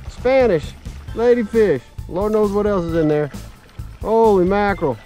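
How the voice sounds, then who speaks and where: Guy fishing from a kayak out on open water, hyped up and laughing, talking to the camera, voice a bit on the high side, faint music behind. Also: slow pace. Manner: animated, laughing, calls out to viewers. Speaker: fishing show host. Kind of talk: excited kayak fishing commentary to viewers. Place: on a kayak on an open lagoon outdoors. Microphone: action camera mounted on the kayak.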